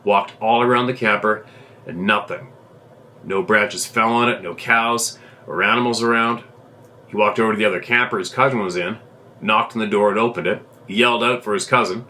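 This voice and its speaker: A man hosting a show reads a viewer's submitted story out loud. His voice sits on the low side yet comes across bright and pointed. The delivery is steady and plain, with occasional restarts. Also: moderate pace. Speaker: host reading a viewer's letter. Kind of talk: reading a submitted encounter story aloud.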